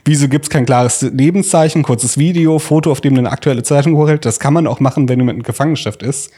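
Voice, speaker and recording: A man tells a story on his podcast in a loose, conversational, colloquial manner, including quotes he reads out. He talks fast in a medium-pitched voice that is dark and slightly rough.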